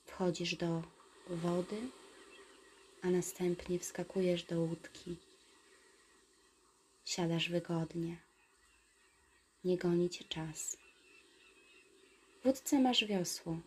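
A woman guiding a meditation in a soft, soothing whisper, giving calm instructions. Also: lowish voice, very slow, long pauses, slightly rough. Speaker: meditation guide.

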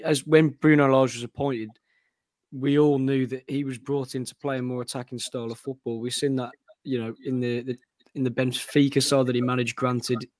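A man on a casual football podcast, giving a calm, analytical take. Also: medium pitch, dry recording. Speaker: podcast guest.

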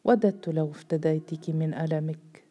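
A woman's voice: sits low, fairly even intonation, moderate pace, warm tone. A woman voicing a grieving young husband who speaks earnestly, in a read-aloud novel. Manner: earnest, sorrowful pleading.

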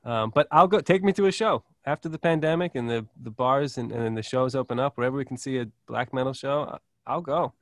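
A man's voice: mid-range voice, brisk, hardly any pauses, fairly bright tone, no echo, clean studio sound. A man co-hosting a music podcast who rambles through his opinions in casual chat, often laughing and swearing. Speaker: podcast co-host music critic.

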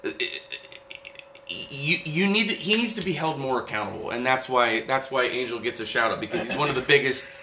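A man talking football casually as a podcast host, halting and repeating himself, opinionated and loose with swearing. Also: medium pitch, lively intonation, sharp tone. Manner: halting, repetitive, profane, opinionated. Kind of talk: casual football recap chat. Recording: roomy echo, faint background noise.

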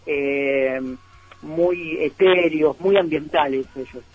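A man's voice: on the high side, slow. A man, a guest on a radio show, talking through bands with many fillers and restarts. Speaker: music label guest. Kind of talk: radio interview talk. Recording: dull lo-fi radio sound.

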